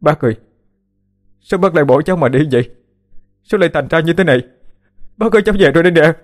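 A man's voice: low voice, fast, a little mellow, close to an everyday voice. A man voicing a young village man who asks anxious questions and later wails in grief, in a told ghost story. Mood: wailing.

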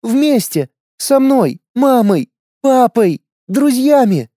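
Guy doing a high-pitched pleading kid sister, mellow and dry sounding. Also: big pitch swings, slow, dry recording, full character voice. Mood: coaxing. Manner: pleading, then shouting in tears. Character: pleading teenage girl, the narrator's sister. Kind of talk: audiobook character voice.

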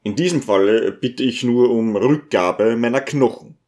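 A man's voice: medium pitch, a little slow, a little mellow, close to an everyday voice. A man reading an audiobook voices a stubborn, indignant male schoolteacher, close to his own voice. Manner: indignant, insistent.

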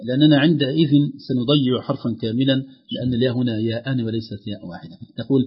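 A man with a husky, slightly breathy voice teaches Quran recitation in a calm, methodical way. He breaks off to recite short examples slowly and with a full voice. The sound is dull and muffled, like an old radio recording. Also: medium pitch.

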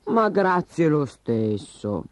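A man voicing a big, gentle, worried male elephant who speaks slowly and plaintively. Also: on the high side, big pitch swings, dry recording. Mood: sighing. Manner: slow, plaintive and fretful. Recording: dull lo-fi sound with music behind.

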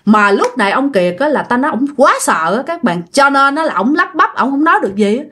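Southern vietnamese woman telling a ghost story, kinda high voice, super expressive, chatty. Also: brisk. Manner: chatty, addresses listeners directly. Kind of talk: casual ghost story retelling.

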